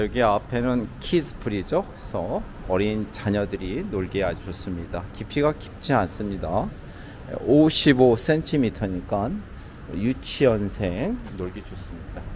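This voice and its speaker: This man's voice sits on the low side as he gives a relaxed walking tour of a city hotel's outdoor pool for his travel vlog. His chatty delivery is full of "자" and "뭐" fillers. The audio comes from a handheld camera mic outside, picking up traffic noise from the surrounding city.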